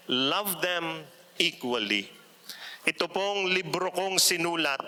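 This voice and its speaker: A man's voice: high-pitched, clear, resonant tone. A middle-aged man giving a humorous parenting talk to a large audience as a retreat speaker, telling stories animatedly and acting out the people he quotes. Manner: animated storyteller, acts out quoted voices, playful asides. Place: large indoor arena.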